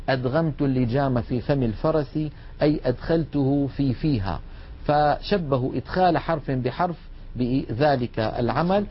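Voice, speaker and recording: Man, recitation teacher, patient lesson, slow recited examples, muffled lo-fi recording. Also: mid-range voice. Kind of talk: classroom lesson on recitation rules. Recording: dull lo-fi recording.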